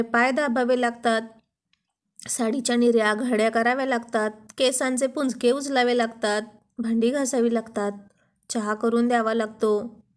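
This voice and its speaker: A woman narrating a romantic story and reading every character's lines in a lively, playful way. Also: fairly high pitch.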